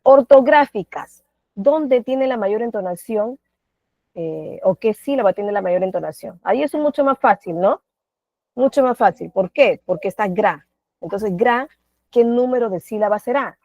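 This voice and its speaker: A woman's voice: medium pitch, no echo. A Peruvian woman teaching an online class, patient, often asking the class questions and adding tag questions. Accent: Peruvian Spanish. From Peru. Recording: dry, phone-like audio.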